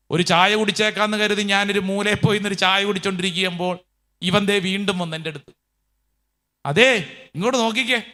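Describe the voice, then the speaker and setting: A man preaching a retreat sermon as a priest, calling out for responses and telling stories slowly and with emphasis. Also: sits high, sharp tone. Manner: call-and-response exhortation; slow, emphatic storytelling.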